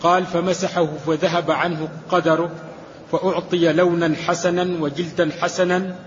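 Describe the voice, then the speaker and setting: A man's voice: fairly high pitch, slight background noise. Man reading a classical text aloud in a hall. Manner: steady measured recitation of the text. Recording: dull recording with long hall reverb.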